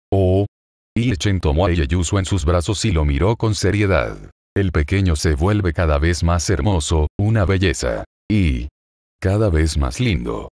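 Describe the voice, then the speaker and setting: Male narrator for a serialized web novel. Low, dry voice with a steady, machine-like read. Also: dry recording. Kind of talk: scripted narration.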